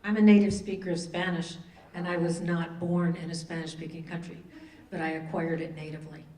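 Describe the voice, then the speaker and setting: A woman's voice: lowish voice, level tone, brisk, dark tone, far from the mic. A woman moderating a panel discussion, conversational and prompting the speakers. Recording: echoey hall, voice from afar.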